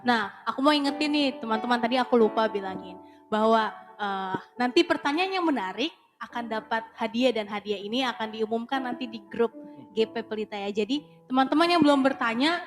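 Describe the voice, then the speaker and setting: Higher-voiced woman moderating, friendly, music clearly underneath. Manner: friendly, informal announcing. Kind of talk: moderating a discussion.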